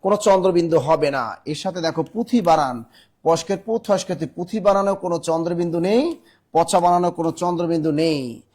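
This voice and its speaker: Teaching a live online spelling class, a man with a Bangladeshi Bengali accent spells words letter by letter and pushes students to answer fast. His pitch is fairly high and his voice a little mellow.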